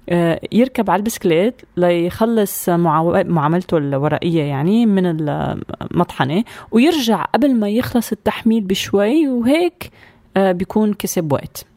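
A woman with a Syrian Arabic accent co-hosting a show in casual, chatty storytelling, often pausing to think aloud. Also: fairly low pitch, darkish tone, no room sound. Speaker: co-host of a show about Syrian towns. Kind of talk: casual conversational storytelling with co-host.

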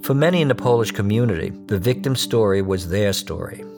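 A man narrating a scripted true crime podcast in a measured, serious manner. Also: on the low side, lively intonation, gravelly. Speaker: podcast host, detective sergeant. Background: music bed with guitar.

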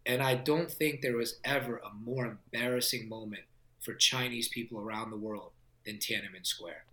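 A man's voice: mid-range voice, moderate pace, reverberant. A man, a film director, telling stories in a casual interview with lots of laughter and fillers. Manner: animated, laughing storyteller with many fillers.

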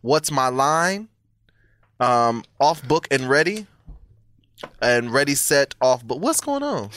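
A man co-hosting a podcast in a studio, chatting casually and excitably, talking fast and laughing often. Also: mid-range voice, clean tone, no echo. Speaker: podcast co-host.

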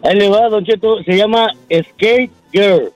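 A man's voice: sits high, a little slow, dry recording, dull audio, soft background music. A man calling a radio show, joking around and then plainly explaining, addressing the host politely. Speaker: caller. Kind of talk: casual radio chat.

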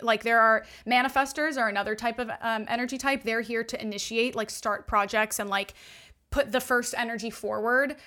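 Podcast guest coach: a woman, high-ish, quick, gushing and filler-heavy. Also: pushed and bright. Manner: fast and gushing, full of "like" fillers. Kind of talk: casual podcast chat explaining astrology.

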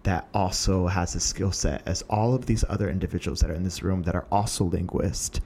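A young man with a lowish voice tells a personal story in an earnest, reflective way. He takes his time and pauses often as he thinks. A faint hiss of background noise sits under the recording. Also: creaky, dark tone. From Portland, USA. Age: young adult. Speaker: singer telling his story.

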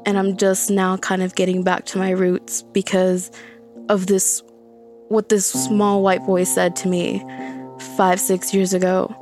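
A young woman of college age from Texas gives personal testimony in a flat, even voice, reflective and a little hesitant. Soft music plays faintly underneath. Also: medium pitch, unhurried. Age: late teens. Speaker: interviewee.

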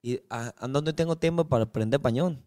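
A man's voice: medium pitch, fairly quick, darkish tone. A young Chinese man chatting as a guest in broken, slangy Spanish full of restarts. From China. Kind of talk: casual interview chat.

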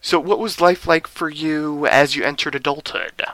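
A man's voice: a little high, steady tone, moderate pace, pushed and bright, no room sound. A man hosting a radio interview show in an upbeat, enthusiastic way. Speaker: host.

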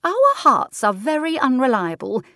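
A woman's voice: sits high, wildly swooping pitch, bright, forceful tone, no room sound, clean studio sound, pitched above the performer's own voice, exaggerated voice. A woman playing a no-nonsense aunt. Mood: firm. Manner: brisk, firm, plain-spoken. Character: level-headed, no-nonsense older aunt.

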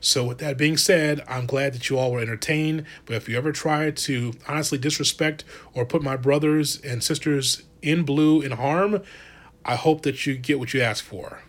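A man's voice: a little high, normal speed. A man giving a sarcastic, exasperated wrestling commentary monologue, talking casually and animatedly.

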